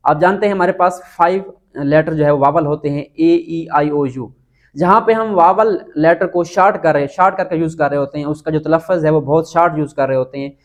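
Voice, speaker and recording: A man teaches in a relaxed, conversational way. He spells words out slowly, letter by letter, and keeps checking in with a quick "theek hai". His voice sits a little higher than most men's. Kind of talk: casual spoken lesson.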